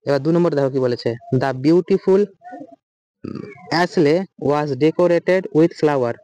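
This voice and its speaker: A young man with a Bengali accent teaches exam vocabulary, firing questions at his students and answering them himself. His voice sits a little high and comes through smooth and clear. The sound is dry and close, with no room echo. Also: a little mellow. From West Bengal, India. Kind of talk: exam-prep vocabulary lesson.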